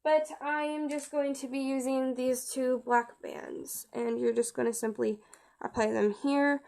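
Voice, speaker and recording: A woman giving a casual step-by-step craft tutorial, chatty and halting with frequent restarts. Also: high-pitched, fairly even intonation, vocal fry, darkish tone.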